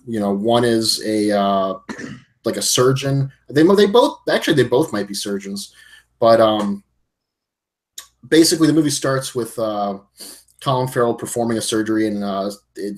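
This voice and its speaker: A man chatting on a podcast, recounting a plot in a loose, meandering way. He often doubles back and restarts his sentences as he talks. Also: lowish voice. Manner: rambling, circling back mid-sentence. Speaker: podcast co-host. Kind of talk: casual chat recapping a film.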